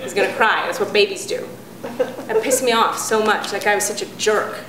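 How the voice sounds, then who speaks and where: A woman doing a stand-up comedy set, animated and sarcastic, often acting out other people. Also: mid-range voice, brisk, over a noisy crowd. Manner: animated, sarcastic, acts out characters. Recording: echoey room, audience noise.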